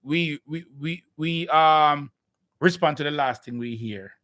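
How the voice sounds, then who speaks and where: A man's voice: fairly high pitch, measured pace, a bit bright, no room sound, studio quality. A man with a Jamaican accent hosting a live podcast, chatting casually and restarting his sentences with repeated words. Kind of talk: casual live-stream chat.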